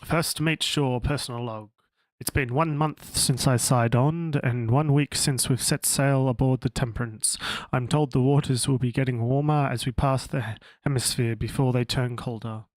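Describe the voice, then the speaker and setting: A man's voice: mid-range voice, steady tone, normal speed, no echo, close to an everyday voice. A man with an Australian accent voicing a dutiful young male first mate in a video game, dictating a formal ship's log. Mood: earnest.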